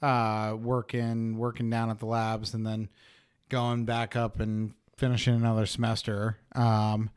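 A young man talks slowly on a podcast, telling a long story with a chuckle now and then. His voice is smooth and clean. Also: fairly low pitch, monotone, a little mellow. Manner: laughs while telling stories, restarts and fillers. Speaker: podcast guest. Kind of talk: casual conversation, storytelling.

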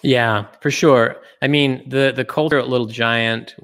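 Reflective and halting, this middle-aged interview guest from Utah keeps restarting his sentences in casual talk. His voice is medium-pitched and fairly bright, with fairly even intonation.

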